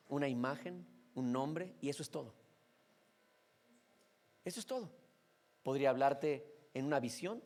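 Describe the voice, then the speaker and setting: A man with a Mexican Spanish accent preaches to his congregation, his voice sitting a little high for a man. He talks in a relaxed, conversational way and keeps checking in with the people listening. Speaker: pastor. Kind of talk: sermon.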